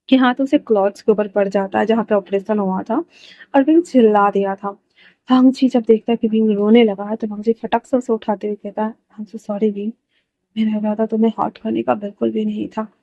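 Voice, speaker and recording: A woman's voice: medium pitch, fairly quick, no room sound, narrow, tinny audio. A woman casually narrating a fan-fiction story in a chatty way, mixing in English words.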